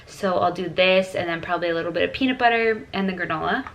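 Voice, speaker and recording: A chatty young woman talks casually to camera from home, her voice sitting a bit low. She is early in pregnancy and fills her talk with "like" and "freaking". There is faint noise behind her. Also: fast talker, a bit bright, rough recording. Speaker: vlogger.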